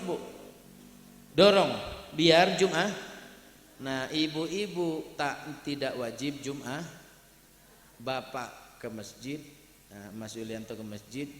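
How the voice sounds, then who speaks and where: A man's voice: medium pitch, a bit bright. A man preaching a humorous sermon at a wedding gathering, chatting and joking directly with the crowd. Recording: echoey hall with long reverb.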